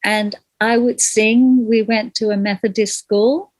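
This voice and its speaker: A middle-aged woman from Malaysia, a singer being interviewed, speaking gently and thoughtfully and pausing to find her words. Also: fairly high pitch, fairly even intonation, no room sound, rough recording. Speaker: guest, kirtan singer. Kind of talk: reflective interview conversation.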